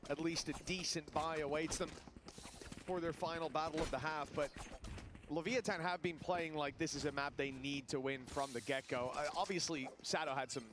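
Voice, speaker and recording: A man commentates as an esports caster, mixing play calls with tactical analysis. His voice is fairly high, with clear noise and clicks behind it. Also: steady tone, normal speed.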